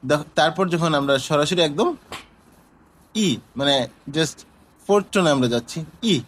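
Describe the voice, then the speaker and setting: Male tutor, casual and halting, self-correcting, mid-high voice, faint background hiss. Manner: mixes Bengali and English, halting with restarts and self-corrections. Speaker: language teacher. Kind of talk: casual online lesson.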